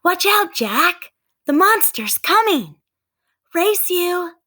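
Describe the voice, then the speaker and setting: A woman's voice: very high voice, very animated, slow, sharp tone, pitched above the performer's own voice, full character voice. A woman voicing an eager, bold seven-year-old girl who exclaims and calls out in a children's storybook read-aloud. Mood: excited, eager.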